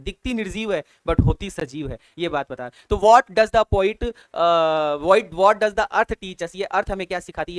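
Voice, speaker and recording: A man's voice: sits high, smooth, dry recording. A man with an Indian English accent teaching an exam-prep lesson, repeating key answers over and over and calling students brother and child. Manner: repetitive drilling, calls students "bhaiya" and "beta".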